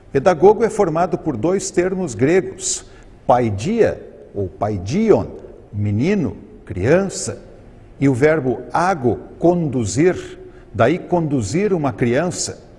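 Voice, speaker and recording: A man with a Brazilian Portuguese accent teaching Greek in a recorded lesson, explaining terms slowly and carefully and drawing out each Greek word. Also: fairly high pitch, mellow, breathy edge. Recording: long reverb on the voice.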